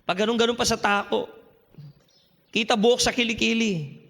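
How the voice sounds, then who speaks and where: A man with a very high-pitched voice delivers a sermon, pressing his listeners with rhetorical questions. His words ring out with a long reverb, as if in a large camp hall. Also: normal speed, a bit bright. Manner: emphatic preaching with frequent rhetorical questions to the audience. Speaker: pastor preaching at a youth camp.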